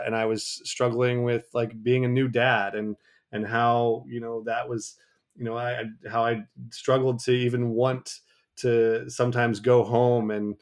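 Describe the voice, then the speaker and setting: A man's voice: mid-range voice, clean tone. Young male host, mid-range voice, earnest and conversational. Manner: earnest, animated when retelling, laughs easily. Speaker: podcast host. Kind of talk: conversational podcast.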